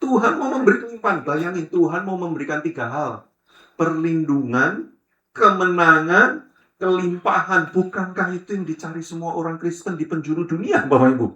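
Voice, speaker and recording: Brief: a chatty male pastor, bright and tense, recorded in an echoey church hall. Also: on the high side, normal speed, highs cut off. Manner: lively, chatty, keeps addressing the congregation. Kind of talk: sermon.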